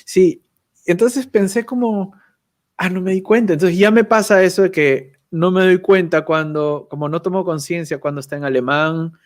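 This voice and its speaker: Appearing as a guest YouTuber on a video call, a man chats casually in a high-sitting voice at normal speed. He comes across as thoughtful and self-deprecating, frequently closing phrases with a questioning "right?".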